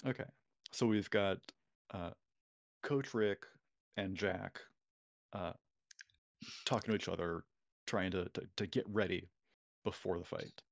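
A man with a low voice runs a tabletop game session as game master, speaking at a measured pace with frequent pauses. He sounds hesitant, filling his speech with fillers and restarts, and there's no echo.

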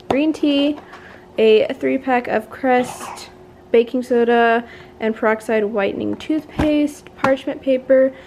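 Young female family vlogger, casual and rambling, recorded on a camera mic at home with faint room noise. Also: fairly high pitch. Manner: chatty, rambling, with fillers and self-corrections. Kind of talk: casual vlog chat. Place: home bedroom, then kitchen.

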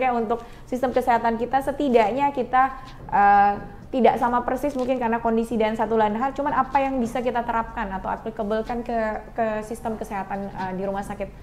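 A woman's voice: on the high side, fairly even intonation, fast, a little hiss or hum. A woman hosting an interview in a studio, summarizing answers and adding polite tag questions. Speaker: host. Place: indoor studio.

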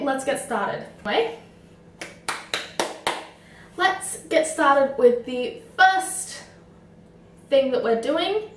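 A woman's voice: high voice, a little hiss or hum. A young woman in her late teens giving a rambling, casual DIY tutorial at home, swearing offhandedly. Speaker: vlogger. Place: home, at a table. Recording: roomy echo, voice distant from mic.

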